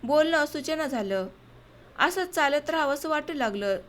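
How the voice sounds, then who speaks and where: A woman with a high voice reads a short story aloud as an audiobook narrator. Her narration is steady and measured, the even pace of a storyteller.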